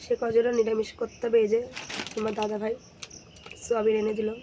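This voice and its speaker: Hoarse fast-talking woman vlogging at home. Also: fairly high pitch, monotone, noisy background. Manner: chatty, addresses viewers warmly as friends. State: hoarse, sore throat. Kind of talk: casual daily-life vlog narration. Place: home kitchen and courtyard.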